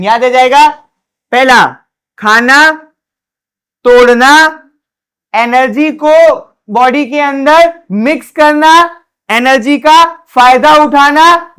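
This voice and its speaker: High-voiced male teacher drilling students. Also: fairly bright tone, smooth. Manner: asks questions and answers them himself; repetitive, drilling. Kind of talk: board exam class lesson.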